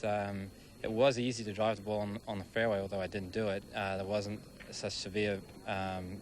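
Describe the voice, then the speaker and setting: A man, a professional golfer, giving a casual, plain-spoken interview after play. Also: lowish voice. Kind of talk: post-round interview.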